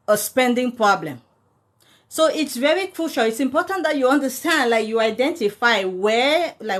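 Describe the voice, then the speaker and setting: A Cameroonian woman in her thirties with a fairly high, bright voice. She creates personal finance content and chats casually about money on a livestream, thanking viewers by name as she goes.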